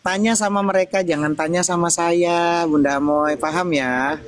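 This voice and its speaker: Calm man with a slightly high voice. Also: a little hiss or hum. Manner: calm, patient, explains slowly. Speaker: Islamic preacher hosting the debate. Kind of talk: live online interfaith debate. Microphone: video call.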